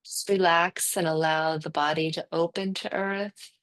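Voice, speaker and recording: Here a yoga nidra teacher walks listeners through relaxation, her tone gentle and slightly low. She moves at a very slow pace, giving brief, calming cues and letting long pauses settle after each one.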